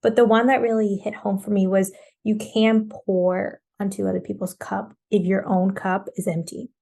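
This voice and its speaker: Thirties woman from Colombia, wellness coach guest, rambling and filler-heavy, mid-range pitch. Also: level tone, normal speed, gravelly. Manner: warm, rambling, frequent "you know" and "like" fillers. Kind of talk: casual podcast interview.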